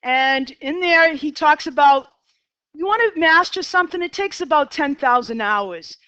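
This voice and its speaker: A woman's voice: high-pitched, expressive, unhurried, bright, forceful tone, no echo, low-quality recording. A woman in her fifties with a Boston accent, teaching a college math class in a chatty style, asking students questions and going off on tangents. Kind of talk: classroom lecture.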